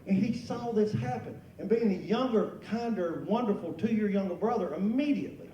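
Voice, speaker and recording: A middle-aged man tells a comic tale with an animated, folksy delivery and acted-out exclamations. His voice sits a bit high. He is picked up from across an echoing event hall, with room noise around him. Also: moderate pace, recorded from a distance, lo-fi sound. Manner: animated, folksy, acts out exclamations and sound effects. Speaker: luncheon guest speaker. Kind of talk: comic storytelling to an audience. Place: large event room at a lunch.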